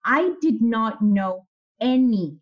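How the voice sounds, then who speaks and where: Outspoken woman in her forties, higher voice, lively candid anecdotes, dull lo-fi recording. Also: slow. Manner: candid, animated storyteller who swears freely. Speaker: guest. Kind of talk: casual interview conversation. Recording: muffled lo-fi audio.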